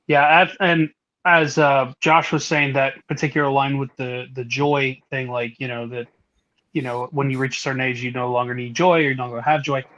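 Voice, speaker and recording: A man's voice: mid-range voice, steady tone, moderate pace, a bit bright, dull audio. A man hosting a casual podcast chat who laughs often and restarts his sentences. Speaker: podcast host.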